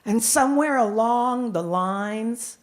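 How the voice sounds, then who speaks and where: A middle-aged woman performing as a live storyteller, with dramatic, deliberate phrasing and frequent repetition. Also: fairly high pitch. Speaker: professional storyteller.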